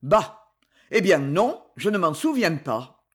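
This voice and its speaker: A reader voicing an arrogant, scornful male duke who sneers loudly. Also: mid-range voice, very animated, takes it slowly, breathy edge, exaggerated voice. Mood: sneering. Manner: sneering, haughty, loud.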